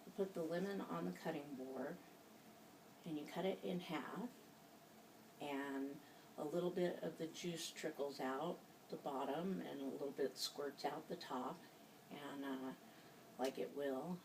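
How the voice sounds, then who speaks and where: A woman leading an informal guided hypnosis session, giving gentle instructions in a halting way. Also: deep voice. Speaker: hypnosis practitioner. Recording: distant mic, faint background noise.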